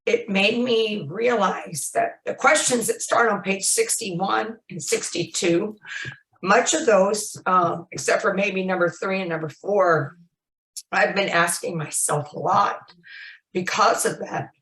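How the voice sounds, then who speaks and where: A woman's voice: medium pitch, a bit bright. Hesitant woman in an echoey room. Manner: hesitant, halting. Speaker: group member. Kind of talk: casual group call.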